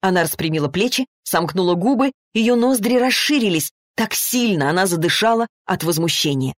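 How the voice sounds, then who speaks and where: A woman narrating a romance novel in an even, measured reading. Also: medium pitch, no echo, clean studio sound. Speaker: audiobook narrator.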